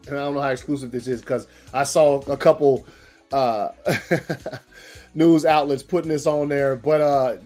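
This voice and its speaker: Hosting a daily online show, a man chats casually on a livestream in a voice on the high side with a darkish tone. He's loose and slangy, laughs often, and sounds a little scratchy in the throat, over faint background music.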